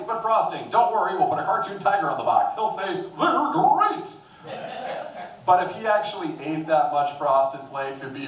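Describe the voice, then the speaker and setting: A stand-up comedian in his thirties doing a playful set with quick asides to the crowd. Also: mid-range voice, recorded from a distance. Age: 30s. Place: comedy club stage. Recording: echoey club, mic from afar.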